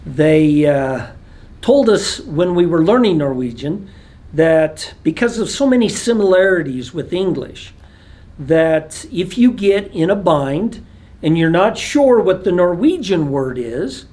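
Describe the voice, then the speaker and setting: An American man telling casual stories about his own slip-ups, chatty and relaxed, with lots of fillers. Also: sits high, slow. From United States. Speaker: vlogger. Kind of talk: casual storytelling.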